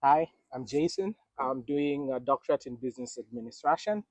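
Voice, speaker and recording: Man, kenyan accent, doctoral student, measured, dry sound. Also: mid-range voice, animated, a little mellow, no echo. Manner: thoughtful, measured with many ums. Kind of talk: casual interview answers.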